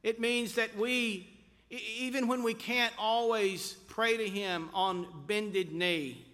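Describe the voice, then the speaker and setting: A man preaching a sermon as pastor, slow and emphatic, drawing out key words. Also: high-pitched, steady tone, a bit bright, big-room sound.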